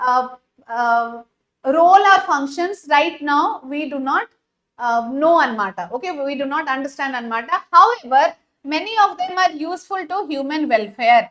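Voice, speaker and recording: Woman, Telugu accent, biology teacher, live online class, very high voice, slow unhurried delivery. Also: expressive, fairly bright tone. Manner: mixes English and Telugu, repeats 'okay', frequent 'uh' fillers.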